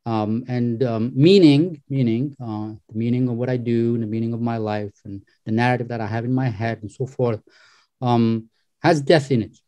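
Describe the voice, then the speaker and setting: A man from Algeria hosting a remote interview, speaking hesitantly with many pauses and restarts. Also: medium pitch, mellow. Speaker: podcast host interviewer. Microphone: video call.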